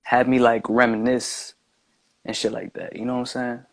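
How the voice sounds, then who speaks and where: A man's voice: medium pitch, little pitch movement, moderate pace, gravelly, no echo. A man talking as a podcast guest in a loose, meandering, slangy way, peppered with filler words. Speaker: podcast guest, music maker. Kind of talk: casual chat, slangy.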